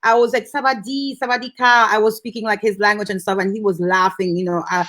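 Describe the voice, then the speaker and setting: A Jamaican woman hosting a casual live interview, telling stories with lively acted-out dialogue. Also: mid-range voice, fast. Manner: lively storyteller, acts out voices in her anecdotes.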